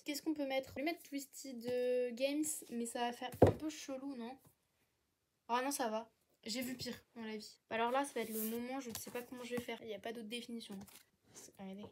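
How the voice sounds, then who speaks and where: A woman's voice: on the high side, noisy background. A young woman, chatting casually to viewers while sorting her bookshelves. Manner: chatty, rambling, talks to viewers while working. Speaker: book vlogger. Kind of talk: casual chat while tidying shelves.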